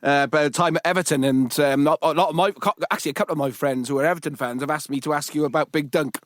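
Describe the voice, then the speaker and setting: A man's voice: on the high side, fast talker, no room sound, studio quality. A man interviewing in a casual, friendly chat, enthusiastic and informal. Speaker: interviewer, former footballer.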